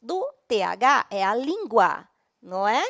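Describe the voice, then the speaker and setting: Brazilian woman teacher, fairly high voice. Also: big pitch swings, takes it slowly, a bit bright. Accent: Brazilian Portuguese. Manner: patient, explaining step by step with frequent check-ins. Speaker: English teacher. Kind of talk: online class teaching.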